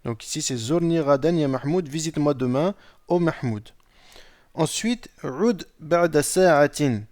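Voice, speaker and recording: A man teaching an Arabic grammar lesson in a slow, patient way. He explains step by step, reads Arabic sentences aloud, translates them and often checks in with "d'accord?". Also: fairly high pitch, warm tone.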